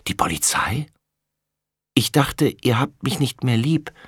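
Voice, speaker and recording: Ein Mann, der in einem Hörbuch ein schüchternes kleines Mädchen spricht, leise und zögernd. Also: male voice, medium pitch, very animated, unhurried, breathy edge, no echo, studio quality, voice pushed up, full character voice. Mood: shy. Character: young girl, shy and tender.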